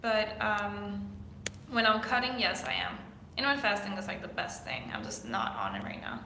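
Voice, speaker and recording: Recorded in an echoey room with a little background noise, this young fitness coach from Denmark chats through viewer questions for her vlog, using lots of fillers and a Danish accent. Her medium-pitched voice swings widely in pitch, sounds pushed and bright, and moves at a normal speed.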